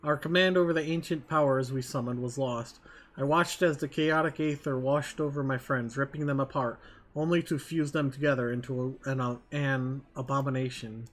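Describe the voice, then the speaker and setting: A man's voice: medium pitch, steady tone, normal speed, lightly acted. Man playing a solemn, remorseful old mage. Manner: grave, formal archaic confession. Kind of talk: reading game dialogue aloud in character.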